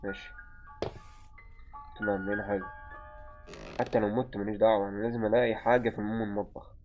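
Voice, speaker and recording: A gaming channel host with an Egyptian accent gives live let's-play commentary, muttering to himself and yelping when startled. His voice is fairly low, flat in pitch, darkish and fast. The recording is muffled and lo-fi, with faint game music.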